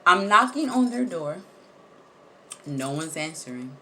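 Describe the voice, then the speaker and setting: A woman telling a personal story straight to her viewers, animated and emphatic, repeating words for effect and swearing casually. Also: sits low, measured pace, slight background noise. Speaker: vlogger.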